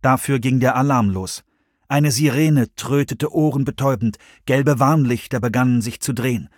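Man, audiobook narrator, measured storytelling, dry close recording. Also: medium pitch, no echo. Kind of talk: scripted narration.

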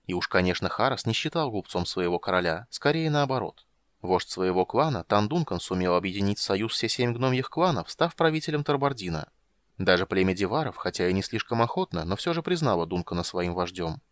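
A man narrating a fantasy audiobook in a steady, measured storytelling manner. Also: lowish voice, dry recording.

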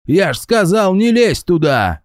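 A man's voice: high voice, sing-song, measured pace, dry recording, studio quality, pitched above the performer's own voice. A man voicing an angry middle-aged official barking at two intruders in an audiobook. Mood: furious. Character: furious middle-aged male official, yelling.

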